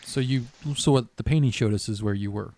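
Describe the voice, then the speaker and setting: A man playing his character in a tabletop game, animated and a little stammering. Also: fairly low pitch, fairly quick. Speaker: player. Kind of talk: in-character tabletop role-play.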